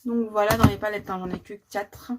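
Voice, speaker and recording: A chatty woman vlogging about her makeup, hesitating with fillers and repeating words as she goes. Her voice sits at a middle pitch, and steady background noise runs under the recording. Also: brisk. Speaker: beauty vlogger. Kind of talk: casual vlog showing her makeup collection.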